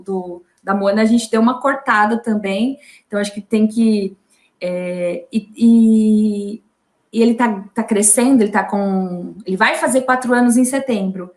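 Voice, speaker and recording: Brazilian mother talking haltingly, roomy sound. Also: on the high side. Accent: Brazilian Portuguese. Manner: halting, with many restarts and fillers. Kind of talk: casual video call interview. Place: home.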